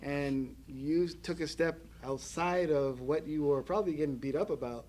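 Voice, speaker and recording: A man's voice: a little high, moderate pace, darkish tone, a little hiss or hum. A man hosting a graduation ceremony, upbeat and encouraging toward the graduates. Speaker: ceremony host. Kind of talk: casual encouraging remarks.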